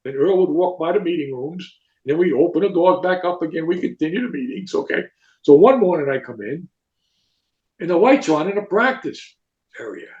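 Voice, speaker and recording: An older man, a retired football coach, telling rambling, animated stories in a podcast interview and tagging lines with "right?" and "okay?". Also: a little high, a little fast. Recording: echoey room, dull lo-fi sound.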